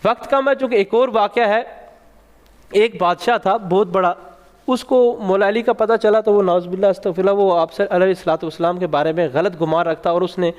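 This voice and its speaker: A man's voice: high voice, fairly even intonation. A man tells a religious story on a Ramzan broadcast, with rising emphasis on key points. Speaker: religious speaker on a Ramzan show. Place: TV studio set. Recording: long hall reverb.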